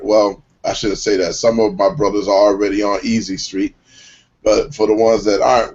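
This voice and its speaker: A man with a fairly low voice talks earnestly about money and getting ahead, now and then catching himself and restarting. The line sounds muffled. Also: darkish tone. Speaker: speaker on a group call. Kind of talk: motivational talk. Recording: muffled conference call line.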